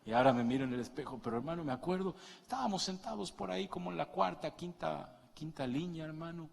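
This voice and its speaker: A middle-aged man preaching a sermon, moving between quiet asides and loud, passionate peaks as he calls his listeners brother. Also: on the high side, fast, vocal fry. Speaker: pastor. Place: church hall. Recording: long reverb of a large hall.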